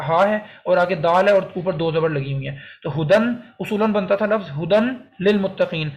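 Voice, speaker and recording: Man teaching recitation, slightly high voice. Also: muffled recording. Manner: explains step by step, recites verses slowly and repeats them. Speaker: Quran teacher. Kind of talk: recorded online lesson on Quran recitation rules.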